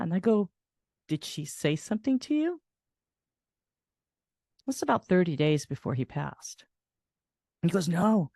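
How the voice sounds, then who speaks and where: An older woman host telling a personal caregiving story in a soft, reflective way, restarting her sentences as she goes. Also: on the low side, dry recording, clean studio sound. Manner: reflective, soft-spoken with frequent laughs and restarts.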